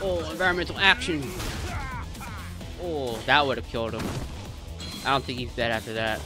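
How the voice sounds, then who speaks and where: A man's voice: mid-range voice, animated, normal speed. Man, streamer, gameplay commentary, laid-back, joking, swears, faint game music behind.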